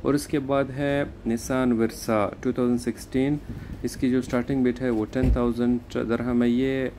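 A man narrating a walkaround video at an outdoor used car auction lot, speaking in a plain, steady, informative way with hesitant fillers. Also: mid-range voice, unhurried. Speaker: car market vlogger. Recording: outdoor noise behind voice.

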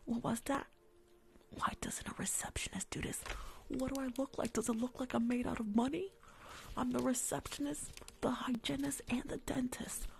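Sassy and chiding, a young woman roleplays a rude dental worker for ASMR, whispering right up against a large tabletop mic in a small room at home and often repeating short phrases. She sits high in pitch, creaky and a little mellow, with fairly even intonation and a moderate pace.

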